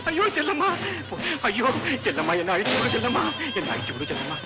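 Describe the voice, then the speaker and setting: This is a panicked captive in an old film, pleading again and again. His voice sits very high. Loud music plays under him on the old soundtrack. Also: huge pitch swings, quick pace. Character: frightened man tied up, begging to be freed. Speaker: film character. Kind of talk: 1960s film acting.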